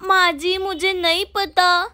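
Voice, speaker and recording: A woman's voice: very high voice, fairly even intonation, slow, bright, forceful tone, no echo, full character voice. A woman voicing an apologetic young mother pleading with her mother-in-law.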